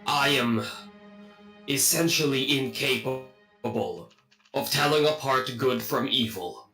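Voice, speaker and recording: A man's voice: mid-range voice, slow, reverberant, music in the background. A man voicing a literal-minded, cold male construct in a stiff, formal robot voice for a tabletop game. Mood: calm, literal. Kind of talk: playing a character in a tabletop game.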